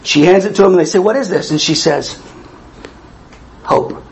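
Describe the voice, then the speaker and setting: A wheezy man in his fifties preaches in a conversational, animated style. His voice sits well above most men's. He drives points home by repeating phrases and asking the congregation questions. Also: high voice, quick pace, slight background noise, rough recording. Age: 50s. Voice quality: wheezy breathing from a past tracheotomy. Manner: emphatic, repeats key phrases, asks listeners questions.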